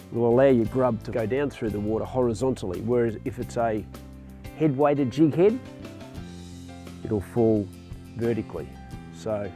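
A man explaining lure technique while fishing outdoors on a jetty, in a relaxed, upbeat way. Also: mid-range voice. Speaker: angler demonstrating lures. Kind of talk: casual fishing demonstration. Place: outdoors on a marina jetty by the water.

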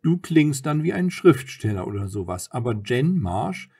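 A man voicing a playful, teasing young wife in an audiobook, speaking in a quick-witted, mocking way. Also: medium pitch, big pitch swings, dark tone, slightly rough.

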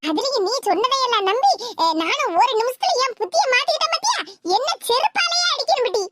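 A woman voicing a sharp-tongued, scolding village mother-in-law in a cartoon, with a Tirunelveli Tamil accent. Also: animated, fast talker, heavy background noise. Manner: scolding, shrill and taunting. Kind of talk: cartoon voice acting.

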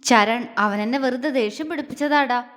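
A woman's voice: fairly high pitch, moderate pace, natural voice. A woman voicing a young husband who teases playfully and grows stern when angry, heard in a reverberant room. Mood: tender teasing. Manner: playful coaxing, turning stern at times. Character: young husband, teasing, tender, quick-tempered.

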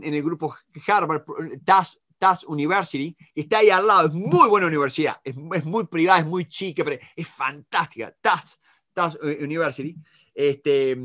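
A middle-aged man with an Argentine Spanish accent teaches negotiation in a live online class, lively and talking to students by name with frequent checks on whether they follow. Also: high-pitched. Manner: animated, talks to students by name, many rhetorical checks. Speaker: negotiation instructor.

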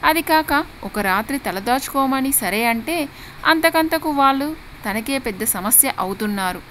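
Woman storyteller reading a drama story, highish voice, steady and expressive. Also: normal speed, a little hiss or hum. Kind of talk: scripted story narration.

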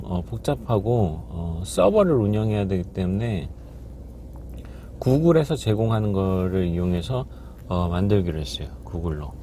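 A man teaching English in a casual podcast lesson, halting with many fillers and slowly repeating practice phrases. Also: on the low side, mellow, slight background noise.

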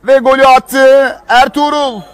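A male football commentator with an extremely high-pitched, excited delivery calls the play live. He speaks outdoors at a small ground, with a light crowd murmur behind him. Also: unhurried, clean tone. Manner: excited, shouting on goals. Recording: crowd noise at outdoor match. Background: faint crowd.

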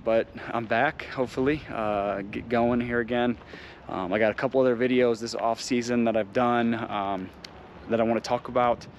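Rambling man vlogging outdoors. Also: mid-range voice. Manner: rambling, lots of ums and uhs. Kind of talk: casual vlog update. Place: outdoors, then in a parked truck. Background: outdoor noise, rain.

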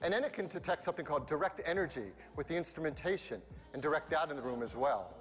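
A man's voice: a little high, fast. A man in his fifties giving an enthusiastic keynote product presentation on a large arena stage, speaking into a headset mic. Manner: enthusiastic, walks the stage gesturing. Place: large arena stage before a big audience. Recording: reverberant arena.

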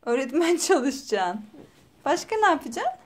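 A woman's voice: sits high, sing-song, moderate pace, noisy background. A young mother chatting playfully with her toddler, asking teasing, sing-song questions for a family vlog.

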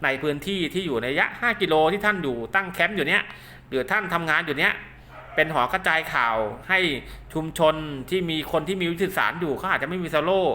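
A man's voice: fairly high pitch, fast, bright, forceful tone. A man giving an informal hands-on product demonstration, explaining in a repetitive way with frequent polite tags. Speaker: product demonstrator and maker of radio link cables. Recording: clear background noise.

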